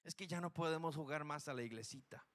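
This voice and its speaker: High, bright-voiced impassioned preacher. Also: male voice, quick pace. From Costa Rica. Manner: impassioned, swings from loud urgent cries to hushed low warnings. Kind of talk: sermon. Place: church sanctuary.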